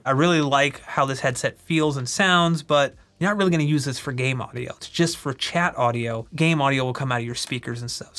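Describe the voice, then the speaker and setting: Casual man with a mid-pitched voice. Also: a bit bright. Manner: conversational, informal. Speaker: tech reviewer. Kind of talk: casual product comparison.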